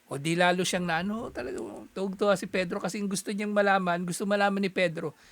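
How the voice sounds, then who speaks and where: A man from the Philippines giving a casual, animated talk, chuckling often and acting out little exchanges as he explains. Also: high-pitched, fast talker, no echo.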